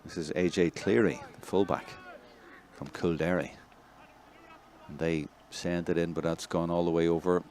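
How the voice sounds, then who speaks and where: A man with a Northern Irish accent giving live play-by-play commentary, chatty between plays and excitable when a score comes. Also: sits low, moderate pace. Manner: conversational, excitable on big plays. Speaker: match commentator.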